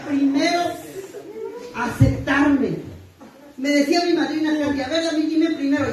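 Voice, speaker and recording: A middle-aged woman with a Mexican accent giving a blunt, earthy, self-mocking personal testimony at a recovery group meeting. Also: sits high. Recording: echoey distant room mic.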